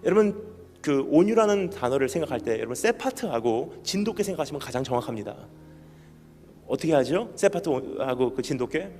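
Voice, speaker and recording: Animated male pastor preaching in a hall. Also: on the high side, fairly quick. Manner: animated, asks the congregation questions, acts out stories. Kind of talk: sermon. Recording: reverberant hall with background music.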